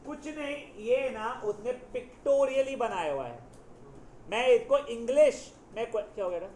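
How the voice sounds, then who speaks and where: This math teacher's voice is extremely high, expressive and darkish, at a moderate pace, with slight background noise in an echoey classroom. Guiding students through each problem, he calls on them by name, scolds and cracks jokes along the way.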